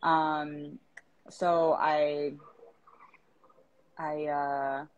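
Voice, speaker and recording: Woman guest, 30s, from East Africa, deep voice, rambly and casual on a video call. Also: little pitch movement, drawn-out words, highs cut off. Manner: chatty, many fillers and restarts. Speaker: founder, interview guest.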